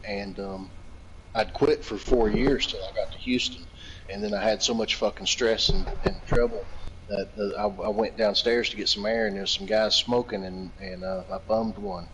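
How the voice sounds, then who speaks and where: A man's voice: lowish voice, steady tone, normal speed, a bit bright, slight background noise, poor audio. A man from Virginia telling long, profane, rambling anecdotes in casual chat, laughing often. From Virginia, United States.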